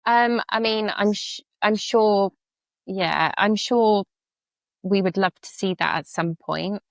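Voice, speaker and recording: A woman who is a charity CEO and a veteran speaks as a podcast guest, earnest and reflective, with some filler words. Her mid-range voice is gravelly and she takes her time. No room sound is audible.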